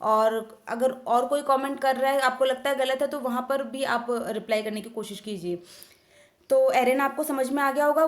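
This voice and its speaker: Young woman, exam vocab teacher, bright high voice, casual explainer. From India. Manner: chatty, explains with everyday examples, frequent fillers. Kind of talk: casual Hindi-English vocabulary lesson.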